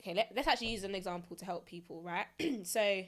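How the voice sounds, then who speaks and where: Lively young woman podcast host. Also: medium pitch, fast. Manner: animated, laughs often. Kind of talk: casual chat.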